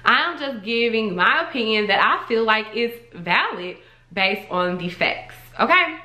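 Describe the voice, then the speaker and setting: A woman's voice: on the high side, sing-song, a little slow, sharp tone, echoey room, dull audio. A young woman, giving her opinion in a chatty, emphatic vlog and repeating herself for stress. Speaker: vlogger.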